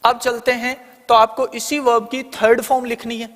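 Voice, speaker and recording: Very high-voiced and fairly bright, a man with an Indian accent speaks at a moderate pace with little pitch movement. He teaches an online exam-prep lesson step by step, raising questions and answering them himself, while a long reverb tail follows his words.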